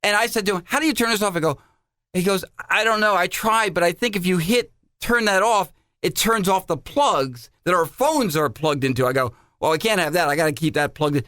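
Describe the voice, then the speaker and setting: A man's voice: sits high, brisk, pushed and bright, dry recording, clean studio sound. A man co-hosting a podcast, telling a hotel story in casual chat with self-deprecating jokes. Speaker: podcast co-host.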